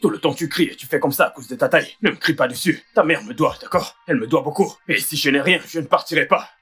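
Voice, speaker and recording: A man's voice: fairly high pitch, quick pace, fairly bright tone, husky, faint music behind. An actor playing a manipulative man who wheedles and insists, repeating his demands over and over. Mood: defiant. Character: pushy, manipulative man scheming for a password.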